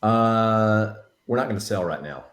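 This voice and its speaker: A man with a Southern Texas accent and a fairly low voice tells folksy, animated stories. He is coaching another agent in a relaxed chat. The sound is roomy and echoey. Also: unhurried. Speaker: real estate agent.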